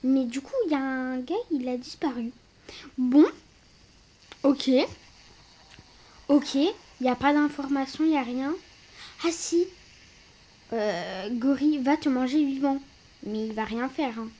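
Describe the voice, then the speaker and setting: A woman giving casual let's-play commentary indoors at night. She bursts into loud exclamations and drops into hushed, whispered asides. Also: sits high, a little slow, pauses often. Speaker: gaming video creator.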